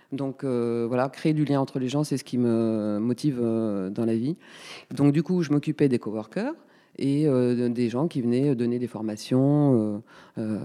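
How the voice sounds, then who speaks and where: A woman's voice: a bass voice, warm tone. Chatty woman in her fifties, roomy reverb. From Paris, France. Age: 50s. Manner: chatty, hesitant with many fillers. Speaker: guest, community space coordinator. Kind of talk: casual radio interview.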